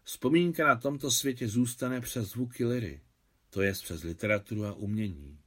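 A man calmly reading a novel aloud as an audiobook narrator. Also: medium pitch, husky. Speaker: audiobook reader.

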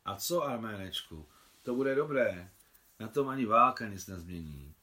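A man voicing a stout elderly priest who speaks in a slow, measured way. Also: lowish voice, animated, pushed and bright. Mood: deliberate. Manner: measured, unhurried speech. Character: stout elderly male Moscow priest, deliberate.

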